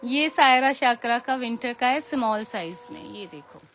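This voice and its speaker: A woman's voice: a little high, lively intonation, a little slow, a bit bright, slight background noise. A woman with a Pakistani Urdu accent, chatting casually on a live stream as a preloved clothing seller, often repeating pious phrases and firm about fixed prices.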